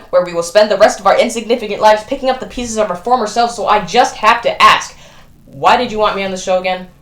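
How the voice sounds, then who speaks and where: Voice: medium pitch, fairly bright tone, roomy sound, lightly acted. A performer voicing a blunt, world-weary old male Santa Claus in a comedic interview sketch. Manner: blunt, rapid complaining.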